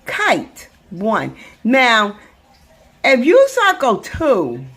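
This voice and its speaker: Slow, gravelly-voiced woman teaching syllables. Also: fairly high pitch, wildly swooping pitch, a bit bright. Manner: sounds words out slowly, repeating them. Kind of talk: slow, drawn-out phonics lesson.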